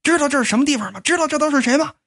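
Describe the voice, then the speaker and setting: Woman playing a bullying guard, rude, barking, pitched up and tense. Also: animated, very fast. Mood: hostile. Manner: shouting, rude, threatening. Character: rough bullying male bodyguard.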